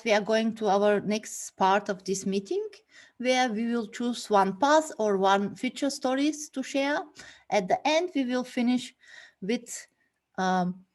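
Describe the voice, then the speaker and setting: A woman's voice: a little high, takes it slowly. A woman hosting an online meetup over a video call, speaking hesitantly with many fillers.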